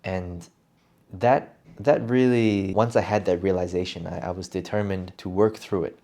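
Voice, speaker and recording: A young man with a fairly low voice and a gravelly, creaky edge talks through a casual solo podcast episode. He is an English coach speaking his native language. He sounds reflective and often restarts a phrase before finishing his thought. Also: steady tone, normal speed, warm tone.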